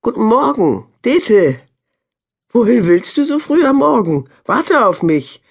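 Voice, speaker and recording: A woman reading an audiobook puts on a worried village farm wife from a children's storybook, a gossipy soul who frets over every bit of news. Her voice sits high and lifts anxiously, with a husky grain, and she draws her words out slowly and heavily. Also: very animated, full character voice. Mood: friendly.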